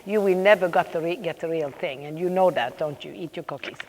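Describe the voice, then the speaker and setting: Brisk woman riding coach in an echoey hall. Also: fairly low pitch, background noise. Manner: brisk, projected riding commands in short repeated phrases; directive, interspersed with brief praise. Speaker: riding clinician coaching horse and rider. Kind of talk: live riding instruction.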